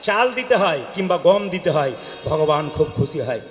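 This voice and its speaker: A man with a Bengali accent giving a devotional sermon, questioning the audience and asking them to answer loudly. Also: on the high side, animated, moderate pace. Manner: questions the crowd and calls for loud replies. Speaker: kirtan preacher. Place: hall with an audience. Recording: echoey hall with long reverb.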